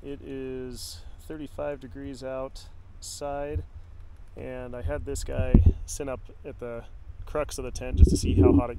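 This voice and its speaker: Very noisy audio carries the gravelly, medium-pitched voice of a middle-aged man spinning easygoing stories for his camping vlog. He's an outdoor vlogger recording inside a small tent at night, talking in a chatty way. A tripod-mounted camera captures him first, followed by a phone held near at arm's length.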